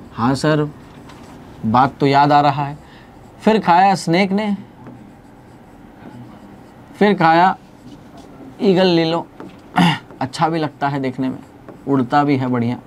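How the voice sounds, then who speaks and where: A young man with an Indian accent and a fairly high voice gives a classroom biology lecture, with a little hiss or hum in the audio. He poses questions and answers them for his students, delivering it all lively and swinging between loud and soft.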